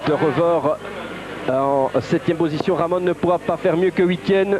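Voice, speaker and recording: A man's voice: on the high side, normal speed. A man giving live motorsport race commentary, with hesitant phrasing and repeated positions and names. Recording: dull broadcast audio over crowd and engines.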